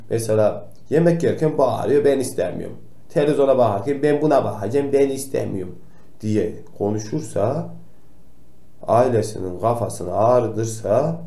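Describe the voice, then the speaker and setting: A man playing a kindly old grandpa doctor who gently tells noisy children to stay quiet, in a comic role-play for kids. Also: medium pitch. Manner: gentle, admonishing, talks straight to the kids. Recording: roomy echo.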